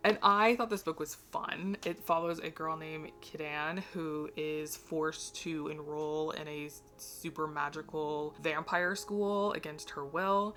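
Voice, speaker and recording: A woman book vlogger rambling casually to camera from her home library, chatty and self-deprecating, a little hoarse from losing her voice, with a slight vibrato. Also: sits low, fairly bright tone. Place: home library between bookcases.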